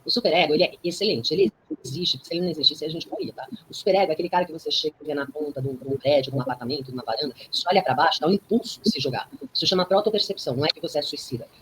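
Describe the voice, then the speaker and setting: With a low voice, lively intonation and a very fast delivery, a woman guests on a talk show, teaching through everyday examples and checking in often with tag questions. The audio is poor, with slight background noise.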